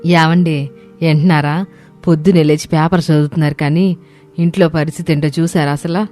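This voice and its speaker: Give me a woman doing a scolding old mother-in-law in a cartoon, with a deep voice. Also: steady tone, mellow, soft background music, lightly acted. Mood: exasperated. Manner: scolding, quick. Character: older village mother-in-law, sharp-tongued and scolding.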